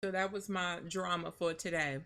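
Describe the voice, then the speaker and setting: Bright-voiced woman telling a profane story. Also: fairly low pitch, moderate pace. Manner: animated, profane, laughing storyteller. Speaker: streamer co-host. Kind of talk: casual storytelling on a live stream.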